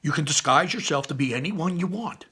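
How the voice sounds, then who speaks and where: A man voicing a big, bold, boisterous young elf man in a read-aloud story, with a loud, eager delivery. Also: on the high side, expressive, a little fast, breathy edge, voice pushed up, heavily acted.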